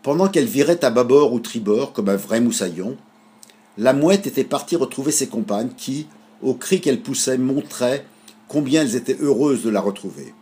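A man reading a children's story aloud with a husky voice, in an animated, expressive way. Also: medium pitch, moderate pace.

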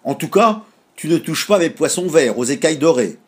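Guy doing a husky loud seagull, bossy and boasty, bit higher than his own voice. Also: moderate pace. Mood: defensive. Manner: lively, exclaiming.

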